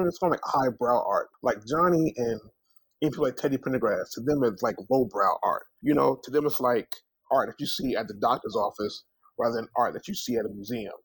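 This low-quality, echo-free recording captures a husky, mid-range male voice moving fairly quickly. The man, interviewed about his singing, tosses off animated anecdotes full of acted-out dialogue, side comments, and plenty of "you know" and "man."

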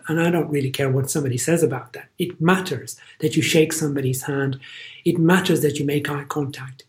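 A man's voice: a little high, darkish tone. A middle-aged man with an Irish accent, a physician guest on a podcast interview, speaking earnestly and stressing his points through repetition. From Ireland.

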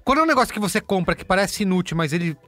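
A Brazilian man in casual podcast chat, reflective and quick to agree with others. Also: high voice, expressive, fairly bright tone. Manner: reflective, agreeable, interjects often. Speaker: podcast co-host.

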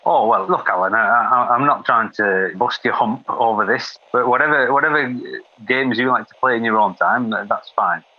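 A man's voice: mid-range voice, normal speed, no echo. A man playing a flustered, fussy man who stammers and rambles over a walkie-talkie radio, his voice heard through the radio. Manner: stammering, hesitant, wordy. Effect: muffled walkie-talkie radio sound. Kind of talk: comedy radio sketch. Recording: dull lo-fi walkie-talkie line.

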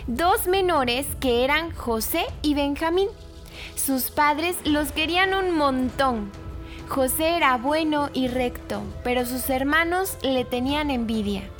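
High, animated woman storyteller. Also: slow, soft background music. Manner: animated, expressive, emphatic repetition. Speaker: children's storyteller host. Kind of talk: scripted story narration for children.

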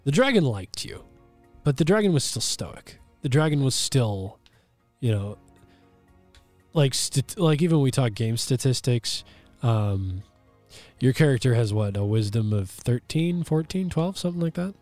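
A man's voice: medium pitch, big pitch swings, measured pace, a little mellow, no room sound, soft background music. A man narrating a tabletop game as game master, casual and chatty, with many fillers and self-corrections.

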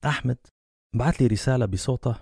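A man's voice: medium pitch, fast, gravelly. A Libyan man hosting a podcast, eager and given to musing aloud about his thoughts. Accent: Libyan Arabic. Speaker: podcast host. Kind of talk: casual podcast conversation.

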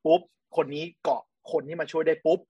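Man co-hosting, chatty, quick delivery, slightly husky voice, dry close sound. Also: on the high side, level tone, warm tone, no echo, highs cut off. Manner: explains step by step, restarts words. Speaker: podcast co-host. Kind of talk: casual chat.

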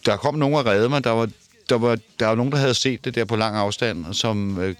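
An older man being interviewed in a studio, talking casually and stammering, often repeating words and restarting. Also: medium pitch. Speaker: interview guest. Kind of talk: casual conversation. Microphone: headphones and studio mic.

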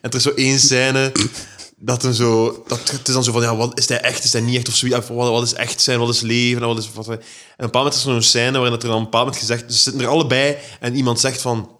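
A man, co-hosting a podcast in casual film chat, excitable and argumentative, quick to laugh. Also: medium pitch. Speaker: podcast co-host.

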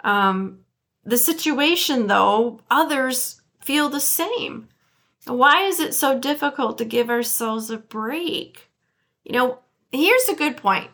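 A woman's voice: high-pitched, lively intonation, takes it slowly, pushed and bright. A woman with a Midwestern Detroit accent hosting a casual solo podcast, chatty and often laughing as she talks to her listeners. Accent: Midwestern American (Detroit). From Detroit area, USA. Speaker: podcast host.

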